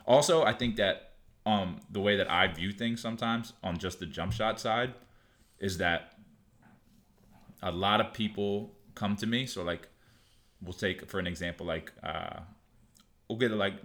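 A shooting coach chats casually on a podcast, his laid-back speech halting and full of restarts and fillers. He has a deep voice that is a bit bright.

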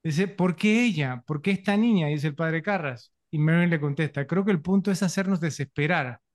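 Chatty higher-voiced man on a film podcast. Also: normal speed. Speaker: podcast co-host. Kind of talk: casual film podcast chat.

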